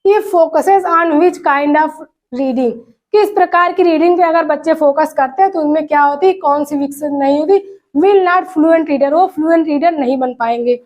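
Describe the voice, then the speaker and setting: High-voiced woman teaching. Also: a little mellow. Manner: reads questions slowly, explains in Hindi mixed with English. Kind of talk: exam prep lesson.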